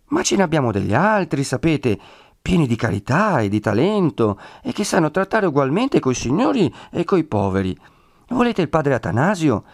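A man's voice: medium pitch, no echo, pitched above the performer's own voice. A talkative, self-assured friar explains things at length in a slightly raised voice, as a man puts him on. It is an audiobook reading with a dry, close sound. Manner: talkative, lecturing, reassuring. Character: chatty, self-assured friar, Fra Galdino.

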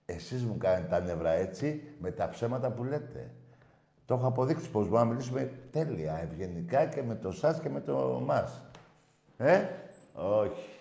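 A man's voice: medium pitch, lively intonation, vocal fry, mellow, reverberant. A man hosting a casual phone-in show, talking in a brash, profane way. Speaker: call-in show host.

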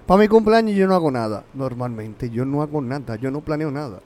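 A man's voice: mid-range voice, expressive, brisk, a little mellow. A man co-hosting a casual podcast chat, ranting in mock resentment and laughing through his complaints. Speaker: podcast co-host.

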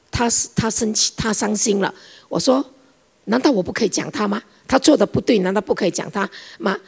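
A middle-aged woman giving a sermon, telling a family story in an animated way and acting out the dialogue. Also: a little high, vocal fry, husky. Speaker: preacher.

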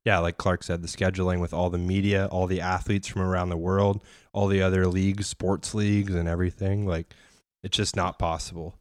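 A man with a very deep voice chats casually among friends and throws in jokes. The sound is dry and close. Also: little pitch movement, a little fast, dry recording. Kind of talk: casual chat.

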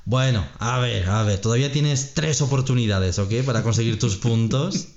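A man co-hosting a podcast quiz, reading questions and options slowly and explaining the grammar patiently. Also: mid-range voice, darkish tone, dull audio. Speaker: podcast co-host running a quiz. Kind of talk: slow, clear Spanish-lesson quiz chat.

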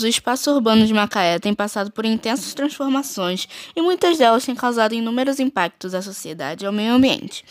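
A woman presents a school geography podcast, reading her script in short phrases. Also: on the high side. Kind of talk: read-aloud school presentation.

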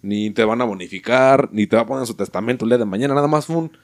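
Slangy Mexican man in lively chat. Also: mid-range voice, rapid-fire. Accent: Mexican Spanish. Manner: slangy, profane, animated asides. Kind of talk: casual chat.

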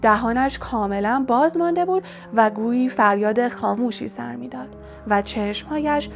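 Woman reading a storybook aloud, kinda high voice, faint music under it. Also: vocal fry. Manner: steady storytelling. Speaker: audiobook narrator. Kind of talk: scripted narration.

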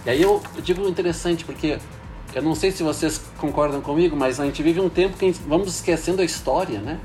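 A man's voice: a little high, fast talker, a little mellow, faint music behind. A man, a priest speaking in a thoughtful, hesitant way with many fillers. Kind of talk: casual reflective talk.

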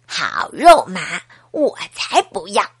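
A woman voicing a mischievous, defiant little schoolboy in a storybook, loud and brash. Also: lowish voice, huge pitch swings, takes it slowly, breathy edge, pitched below the performer's own voice, full character voice. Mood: sneering.

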